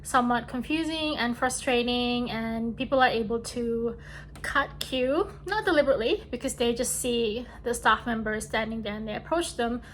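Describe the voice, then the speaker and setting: A woman's voice: fairly high pitch, moderate pace. A woman narrating a travel vlog as a voice-over, telling her own experience. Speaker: travel vlogger. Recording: faint background noise.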